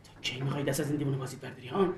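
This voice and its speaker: A man's voice: medium pitch, steady tone, noisy background, natural voice. An actor playing a harsh, controlling man in a film, angry and contemptuous as he gives orders. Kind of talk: film dialogue.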